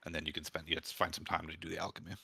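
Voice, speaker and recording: A man narrating a tabletop game as dungeon master, talking in a relaxed, halting way with frequent restarts. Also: a bass voice, vocal fry, breathy edge, no room sound, clean studio sound.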